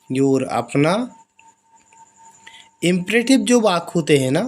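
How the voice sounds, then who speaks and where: A man teaching basic English in Hindi, explaining each example and repeating the phrases slowly. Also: fairly high pitch, darkish tone. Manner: slow, drawn-out repetition of example phrases.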